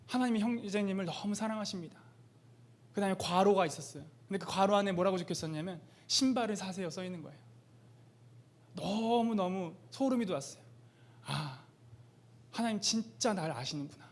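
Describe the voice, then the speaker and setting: Young guy preaching at church, high voice, talks super fast, gets really fired up and passionate. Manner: impassioned, builds to fervent crying out. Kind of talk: sermon testimony. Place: church sanctuary.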